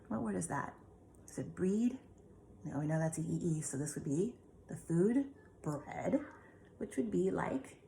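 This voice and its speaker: A woman's voice: lowish voice, creaky, darkish tone, slight background noise. A woman teacher giving a remote phonics lesson, patiently asking questions and answering them herself. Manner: patient, asks and answers her own questions.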